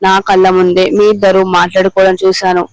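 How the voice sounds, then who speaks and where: A man reading the lines of an angry middle-aged wife who accuses her husband of betrayal, in an even, clear voice. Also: medium pitch, brisk, dry recording, close to an everyday voice, poor audio. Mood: accusing. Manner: accusing, bitter.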